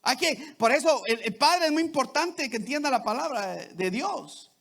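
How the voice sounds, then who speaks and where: A man's voice: extremely high pitch, expressive, normal speed, vocal fry, a bit bright. A man preaching a sermon to his congregation, often checking in with "¿verdad?" and "¿sí?". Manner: repeats "¿verdad?" and "¿sí?" to the congregation, with many restarts.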